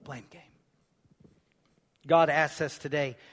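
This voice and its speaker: A man preaching a sermon, firing off rhetorical questions and swinging from loud, pressing lines to hushed ones. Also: a little high, steady tone, slow pace, big-room sound. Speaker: pastor.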